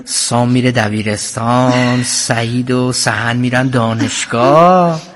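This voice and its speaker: A middle-aged man playing a gentle, teasing husband and father comforting his wife, in a radio drama. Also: mid-range voice, fairly even intonation, natural voice. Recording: long hall reverb.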